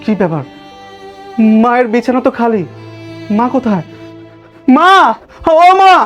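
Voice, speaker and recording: A man's voice: very high-pitched, expressive, normal speed, a little mellow, faint music behind. A young man, playing a distraught son who pleads over and over and then wails for his dead mother. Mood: desperate pleading. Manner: pleading, wailing, repeating himself. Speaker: actor in a short drama. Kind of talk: melodramatic drama acting.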